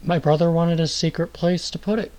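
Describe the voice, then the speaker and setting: A man dungeon master with a mellow, dark-toned voice. He runs the tabletop game in an exasperated way, swearing often. He barely changes his voice between characters. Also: on the high side, fairly even intonation, a little fast.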